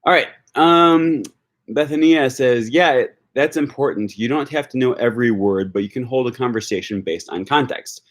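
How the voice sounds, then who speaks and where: This Wisconsin man, a language-learning YouTuber, chats casually on a livestream and answers viewer comments in his Wisconsin accent. He speaks at medium pitch and a moderate pace, thinking aloud with lots of fillers and restarts.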